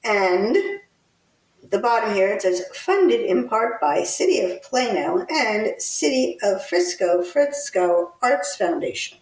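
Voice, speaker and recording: A woman from Texas co-hosting a local politics podcast, talking in a deliberate, pointed way with some sarcastic criticism. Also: mid-range voice, lively intonation, distant mic. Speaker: podcast co-host. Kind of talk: casual political commentary. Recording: roomy sound, set back from the mic.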